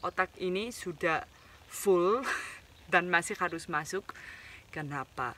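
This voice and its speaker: A man's voice: sits high, slow pace, pushed and bright. A man from Spain, a native Spanish and Basque speaker, talks casually to viewers as a foreigner speaking Indonesian with a mixed foreign accent and informal slang. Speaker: vlogger. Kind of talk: casual vlog talk to viewers.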